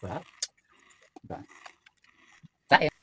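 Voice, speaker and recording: A woman chatting excitedly through a cooking and product demo. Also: extremely slow. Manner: chatty, excitable, keeps saying "di ba". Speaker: vlogger. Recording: loud background noise.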